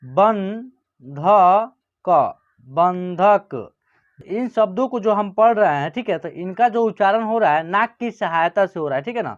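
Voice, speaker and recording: A man teaching a reading lesson who says each word slowly and twice, checking often that listeners follow. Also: sits high, animated. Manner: often adds "ठीक है ना" and "समझ गए ना". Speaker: Hindi teacher. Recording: muffled lo-fi recording.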